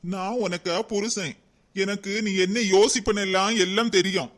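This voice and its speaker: Man playing cartoon husband, Kanyakumari Tamil accent, high male pitch, bluffing, muttering. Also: steady tone, moderate pace, a bit bright. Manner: bluffing, then muttering asides. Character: boastful husband secretly scared of his wife. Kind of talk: comedy cartoon voice acting.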